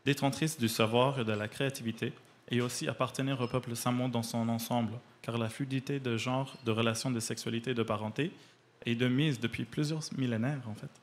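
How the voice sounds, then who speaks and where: A man with a medium-pitched voice presents a prepared arts column, partly reading out his reviews and explanations like a cultural radio segment. His intonation is fairly even, his pace brisk, and there's slight background noise.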